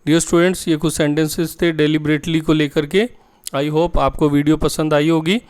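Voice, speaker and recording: Clear-voiced teacher. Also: male voice, fairly high pitch, level tone, a little mellow. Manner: reads each English example slowly twice; explains in Hindi, addresses students directly. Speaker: English teacher. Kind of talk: Hindi-medium English lesson.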